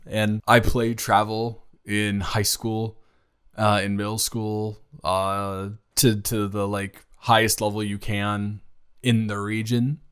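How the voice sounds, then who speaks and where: In an improvised romantic audio roleplay, a man plays a nervous, smitten young college athlete reunited with a childhood friend, rambling and stammering earnestly. His lowish voice has a clean tone, close to how he'd normally talk.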